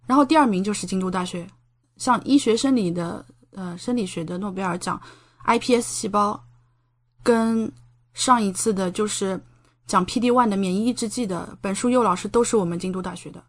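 A young woman from China, a doctoral student appearing as an interview guest, explains things conversationally. Her voice is medium-pitched and a little fast.

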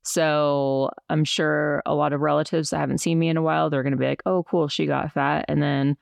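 Creaky woman podcast host, stiff-mouthed from dental work. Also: low-pitched, flat delivery, fairly quick, no echo. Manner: stiff-mouthed speech, numb-jawed after dental work. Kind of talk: casual podcast chat.

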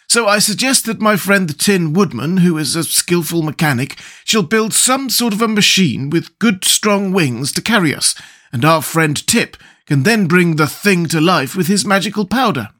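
A man's voice: high voice, fairly bright tone, voice pushed up. A man voicing a wise, philosophical straw man in a storybook, speaking in a lofty, declaiming way.

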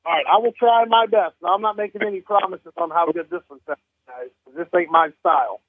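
A man's voice: sits high, brisk, breathy edge, no room sound. A man from Missouri, a radio guest explaining things in a plainspoken, informal interview chat. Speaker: guest, game call maker. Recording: thin telephone line.

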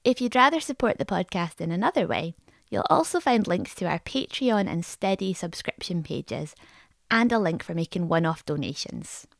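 A woman's voice: fairly low pitch, expressive, moderate pace, gravelly, no echo, clean studio sound. A woman hosting a podcast, reading a scripted narration. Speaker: podcast host.

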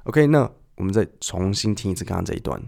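Gravelly low-voiced man teaching listening. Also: animated, fast talker, a little mellow. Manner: patient, conversational teacher who asks listeners questions. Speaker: podcast host and English listening teacher. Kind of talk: explaining a listening lesson.

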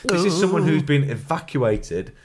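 Reading a listener's trip report aloud on his podcast, a man with a blocked, stuffy nose from a cold keeps chuckling and clearing his throat. His voice is a little high and sing-song, at normal speed.

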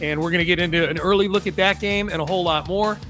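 A man's voice: high voice, fairly even intonation, fast talker, music in the background. An American man hosting a sports podcast in casual talk, sounding slightly stuffy in the nose.

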